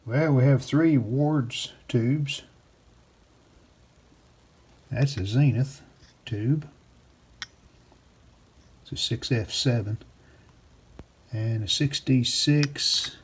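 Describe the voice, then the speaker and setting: A hobbyist radio restorer presents a repair video, giving casual, unscripted hands-on commentary and thinking aloud in short phrases as he works. His voice is medium-pitched, and he draws out his words and pauses often. The home-video sound is clearly noisy.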